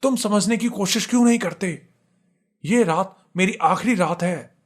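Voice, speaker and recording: A man's voice: a little high, takes it slowly, gravelly, full character voice. A man voicing a tearful, desperate young wife. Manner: crying, pleading, shouting.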